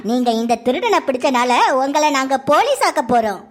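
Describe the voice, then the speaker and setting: A woman's voice: high voice, very animated, brisk. Woman doing a young cartoon policeman. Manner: officious, explaining. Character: young male police officer, formal, officious.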